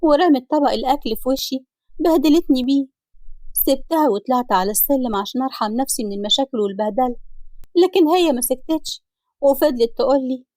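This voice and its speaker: Woman as a complaining, scheming Egyptian wife, raised pitch, rapid storybook delivery. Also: a little mellow, no echo, close to an everyday voice. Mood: aggrieved. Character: aggrieved young wife, scheming and tearful.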